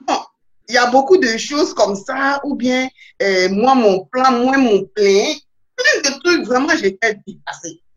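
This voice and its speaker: A woman's voice: high-pitched, lively intonation, unhurried, highs cut off. A woman being interviewed, telling her stories animatedly and restarting often. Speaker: guest, immigrant to Canada. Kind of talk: casual interview. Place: Montreal.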